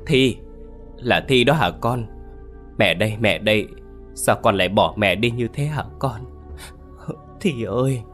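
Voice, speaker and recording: A man's voice: on the low side, measured pace, pauses often, fairly bright tone, soft background music. A man voicing a grieving middle-aged mother who calls out to her dead daughter, sobbing and crying out. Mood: pleading.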